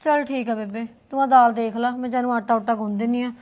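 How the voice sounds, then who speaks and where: A woman playing a dutiful young married woman who talks quickly and pleads her case. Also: fairly high pitch, steady tone, darkish tone, muffled recording, natural voice. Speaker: daughter-in-law. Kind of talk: short film acting.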